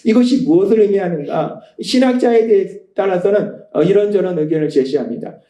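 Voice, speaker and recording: A man's voice: sits high, animated, fairly quick, mellow, echoey room. A man preaching a Sunday sermon as pastor, talking in a conversational way and asking his listeners rhetorical questions. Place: church sanctuary.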